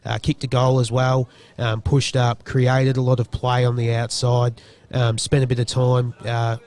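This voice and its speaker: A man's voice: mid-range voice, monotone, measured pace, a little mellow. An Australian man giving post-match football commentary, loose and rambling with lots of ums and restarts.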